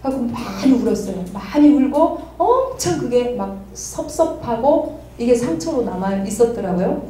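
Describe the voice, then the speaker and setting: Middle-aged woman, candid testimony with frequent laughs; mellow tone, distant mic in a very echoey room. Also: a little high, lively intonation, normal speed, a little hiss or hum. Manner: candid, laughs often while telling. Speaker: study group member. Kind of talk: personal testimony sharing.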